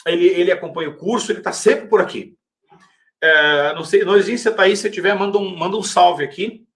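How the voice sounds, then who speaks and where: Male English teacher with a Brazilian Portuguese accent, fairly high-pitched, casual and chatty in a live Q&A, slows right down for English examples. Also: fairly bright tone. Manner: casual, chatty, reads viewer questions aloud; says English example phrases slowly and carefully. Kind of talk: live-stream Q&A lesson.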